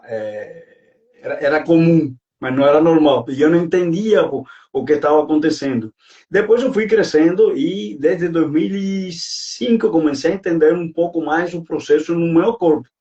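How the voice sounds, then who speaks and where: A man's voice: fairly high pitch, a little mellow, recorded from a distance, dull audio. A man from Cuba with a Cuban Spanish accent, speaking Portuguese as a guest expert on a live stream, earnest and hesitant with many fillers.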